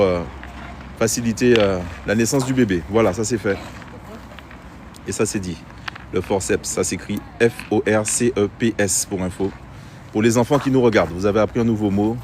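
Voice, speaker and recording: A man's voice: lowish voice, a little mellow. Guy doing live boules commentary outside, chatty, faint traffic behind. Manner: chatty, addresses viewers directly. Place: outdoors at a pétanque ground. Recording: faint street noise outdoors.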